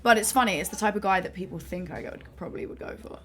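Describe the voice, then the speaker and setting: A woman's voice: medium pitch, fast talker, a bit bright. A young woman, frank and laid-back as a guest in a casual chat. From England.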